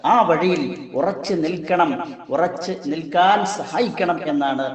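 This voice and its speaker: An Islamic teacher with a Kerala Malayalam accent teaches Quran recitation, explaining sounds slowly and chanting verses in a drawn-out melody. His voice is fairly high, the sound is roomy, and a crowd can be heard in the background.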